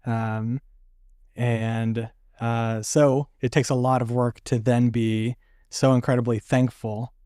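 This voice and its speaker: Candid and casual, a young adult podcast guest tells the story of surviving a stroke, laughing now and then and using plenty of fillers. He speaks slowly in a dark, level, mid-range voice, and the studio-quality recording has no room sound.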